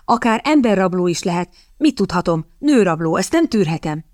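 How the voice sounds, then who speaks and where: A woman's voice: on the low side, expressive, a little mellow, no room sound, studio quality, close to an everyday voice. A woman reading the lines of a nervous, lovestruck young dandy who blusters. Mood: blustering. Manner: blustering, then meek.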